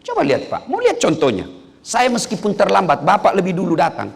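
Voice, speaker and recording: A man preaching a humorous sermon to an audience, acting out stories with shouted voices. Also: sits high, fairly quick, vocal fry. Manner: lively, joking, acts out stories with shouted voices. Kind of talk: humorous sermon to civil servants. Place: hall with an audience. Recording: echoey hall.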